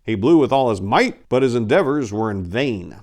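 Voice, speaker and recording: For a dramatic reading of an old storybook, a man voices a boastful, gallant aristocratic adventurer spinning tall tales in a grand, theatrical style. His natural voice is mid-range and slightly mellow, animated and at normal speed.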